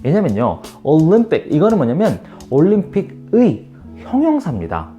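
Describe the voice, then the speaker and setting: A man teaching English grammar to Korean viewers, reading example sentences slowly and checking in with rhetorical questions. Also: medium pitch, warm tone. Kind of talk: video English lesson.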